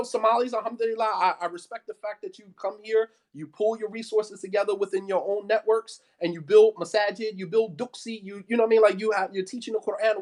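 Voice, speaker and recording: Man, American, high-pitched, impassioned talk, emphatic, repetitive, teacher. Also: a little mellow. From United States. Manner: emphatic, repetitive, peppered with 'you know what I mean'. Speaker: Islamic studies teacher.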